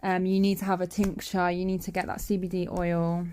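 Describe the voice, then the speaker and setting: A woman from a podcast guest seat speaks in a London accent. Her voice is nasal and fairly flat in tone, and she talks casually with some swearing. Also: on the low side, fairly quick, slight background noise. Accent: London English. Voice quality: nasal, as if holding the nose. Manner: monotone.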